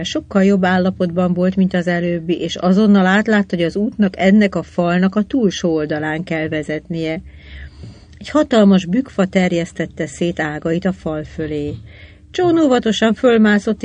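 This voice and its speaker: Steady children's audiobook narrator. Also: dull audio. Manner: even storytelling, quotes read with raised pitch. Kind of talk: scripted narration of a children's adventure novel.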